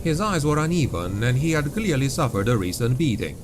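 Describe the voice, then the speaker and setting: A man reading grimdark fantasy as an audiobook narrator, with grave, dark, dramatic storytelling. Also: medium pitch, sing-song, fairly quick, slight background noise. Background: music.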